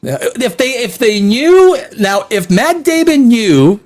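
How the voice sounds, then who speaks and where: A man's voice: very high-pitched, big pitch swings, slow pace, darkish tone. A man hosting a blunt, sarcastic movie review, laughing often as he rants. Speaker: film critic host.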